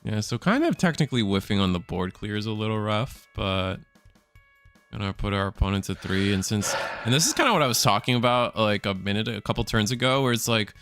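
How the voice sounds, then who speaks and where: A man casting a card game tournament live, thinking out loud and correcting himself as he talks. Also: on the low side, animated, fairly quick, soft background music. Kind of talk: live play-by-play commentary.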